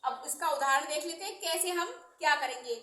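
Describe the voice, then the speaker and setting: High-voiced woman teaching grammar, echoey room. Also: pushed and bright. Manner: slow, repeating terms and examples. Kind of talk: explanatory lesson.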